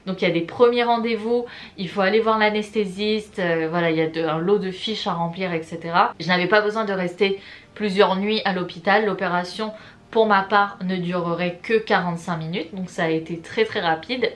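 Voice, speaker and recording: A woman's voice: mid-range voice, fairly even intonation, brisk. A woman vlogger chatting casually and expressively to her viewers as she tells a personal story. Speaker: YouTube vlogger. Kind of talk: story time vlog, casual chat to viewers.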